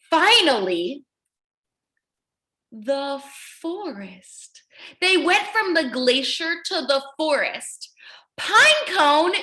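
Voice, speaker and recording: As a teacher reading aloud to young children, a woman sounds encouraging and exaggerated, stopping to ask them questions. Her voice is high-pitched and sharp in tone.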